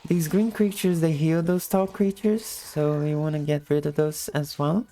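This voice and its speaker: A woman with a low-energy, just-woke-up morning voice giving a casual gameplay tutorial in commentary style. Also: steady tone, normal speed, dark tone, faint music behind. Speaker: video game guide narrator.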